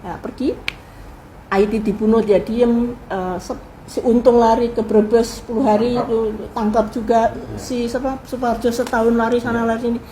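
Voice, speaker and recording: In a poor-quality recording with a faint hiss, an older Indonesian woman recounts family history as an interview guest. She speaks at a moderate pace in a voice pitched higher than most women's. Her storytelling is casual and animated, and she takes on the voices of people she quotes.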